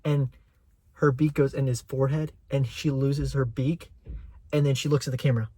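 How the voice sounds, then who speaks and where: A man's voice: medium pitch, moderate pace, slightly rough, no echo. Young male vlogger, mid-range voice, eager rambling fan chatter. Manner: excited, rambling fan talk. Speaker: channel host. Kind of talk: casual chat.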